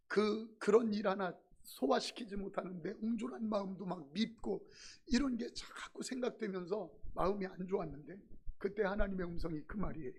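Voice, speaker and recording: A male pastor preaching a sermon, telling a story with acted-out dialogue and prayers, swinging from loud to hushed. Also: high voice, slightly rough.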